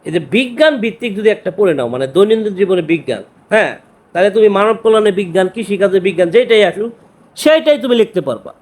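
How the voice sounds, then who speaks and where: A man teaching an exam-prep grammar lesson, who repeats key words and keeps asking quick check questions. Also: sits high.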